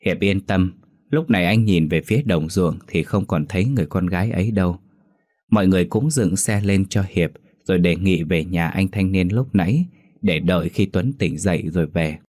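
Deep-voiced man narrating a ghost story. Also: moderate pace, a little mellow.

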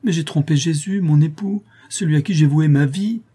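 A man reading aloud, voicing an earnest, self-reproaching young nun in a raised, husky voice. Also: fairly high pitch, normal speed, dark tone, pitched above the performer's own voice.

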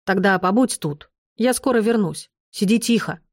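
A woman voicing a scrappy red-haired street boy in an audiobook, with a gruff, blunt and teasing way of talking. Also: mid-range voice, normal speed, a little mellow, no echo, clean studio sound, lightly acted.

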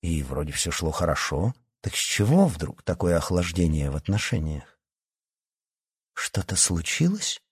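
A man's voice: a bass voice, normal speed, husky, no echo, studio quality. A man narrating a young-adult novel as an audiobook, reading expressively. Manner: expressive storytelling.

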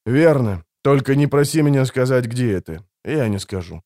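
A man's voice: medium pitch, expressive, moderate pace, a little mellow, dry recording, clean studio sound, close to an everyday voice. A man voicing a weary male monster hunter in an audiobook, speaking curtly and guardedly. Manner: curt, guarded, few words. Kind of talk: audiobook character reading.

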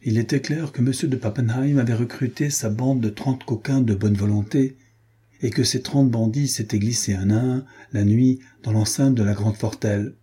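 A man reading a historical novel aloud in steady, measured scripted narration. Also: mid-range voice, husky. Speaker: audiobook narrator.

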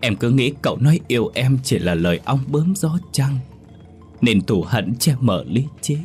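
A man's voice: mid-range voice, animated, normal speed, a little mellow, soft background music, pitched above the performer's own voice, natural voice. Man doing a sobbing, remorseful young female ghost. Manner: sobbing, echoing apology.

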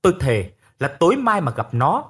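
A man narrating a first-person audiobook story in an expressive storytelling manner. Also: a little high, moderate pace, husky.

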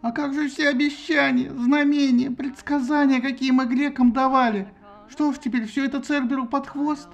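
Male narrator voicing a young goddess, shrill and tearful, pleading with her father, high-pitched, gravelly edges, audiobook. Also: steady tone, moderate pace, faint music behind. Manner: whining, shrieking pleas.

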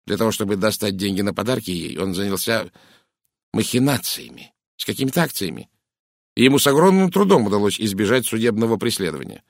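A man's voice: fairly low pitch, expressive, fast talker, creaky, no echo, clean studio sound. A man voicing a stern, brusque middle-aged Englishwoman in an audiobook, speaking curtly and bluntly. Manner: curt, blunt, disapproving. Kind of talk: audiobook character reading.

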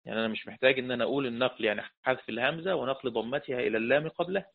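A man's voice: mid-range voice, gravelly. Egyptian man teaching over tinny audio. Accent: Egyptian Arabic. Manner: conversational, asks the class questions, chants verses slowly. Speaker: Quran recitation teacher. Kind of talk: explanatory lecture with chanted verse quotes.

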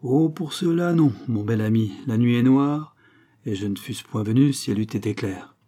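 A man's voice: medium pitch, normal speed, dark tone, natural voice. A man voicing a cocky young male bandit who teases and commands in a spoken storybook. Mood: mocking. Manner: teasing, commanding.

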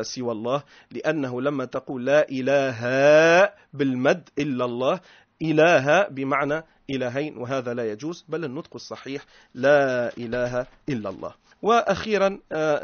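A man with a Tunisian accent, a sheikh giving a religious lesson, drawing out key phrases slowly and switching between classical and dialect speech. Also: mid-range voice, dry recording, dull audio. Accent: Tunisian Arabic. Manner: slow, emphatic recitation of phrases, mixing classical and dialect.

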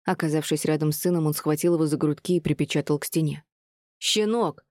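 A woman reading a novel aloud in an expressive audiobook narration. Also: deep voice, fast talker, no echo, studio quality. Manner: expressive, even storytelling.

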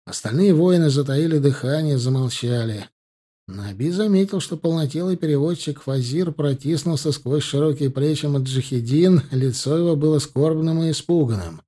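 A man narrating an audiobook in a dramatic, expressive manner. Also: on the high side, moderate pace. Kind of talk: scripted narration.

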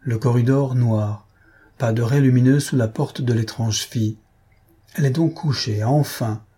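A man narrating a literary short story in measured, storytelling tones. His voice is dark and mellow, with a deeply husky, breathy grain, at a medium pitch. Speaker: audiobook reader.

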